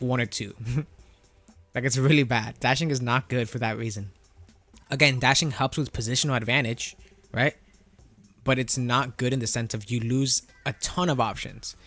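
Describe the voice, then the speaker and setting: A man's voice: medium pitch, fairly bright tone. A man whose voice runs through a voice changer, chatting casually as a gaming streamer and explaining things, often checking in with "right?" and "you know?". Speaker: livestreamer answering chat about a fighting game. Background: music.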